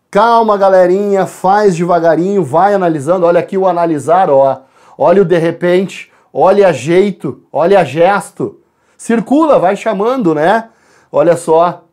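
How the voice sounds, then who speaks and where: Lively male teacher, chatty lesson, speaks to the class and parents. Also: high-pitched. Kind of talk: exam answer walkthrough.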